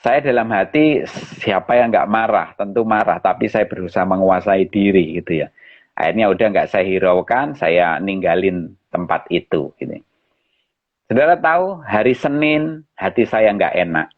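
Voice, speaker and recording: A man's voice: low voice, moderate pace. Man telling a story over dull audio. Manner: animated storyteller, addresses listeners as brothers and sisters. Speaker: pastor. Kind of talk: personal storytelling in a live interview. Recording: dull lo-fi live-stream audio.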